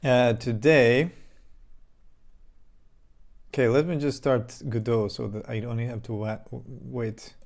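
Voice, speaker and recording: A man with a Serbian accent talks slowly and loosely on a live coding stream. He pauses often, stacks fillers and restarts his sentences. His pitch sits in an ordinary middle range. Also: fairly even intonation, a little mellow. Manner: halting, many fillers and restarts. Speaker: game dev streamer. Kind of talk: casual live-stream chat. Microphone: desk microphone.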